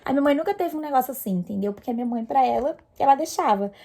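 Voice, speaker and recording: Young woman, vlogger, casual storytelling, chatty with restarts, slightly high voice. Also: expressive, very fast, warm tone. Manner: chatty, many fillers and restarts.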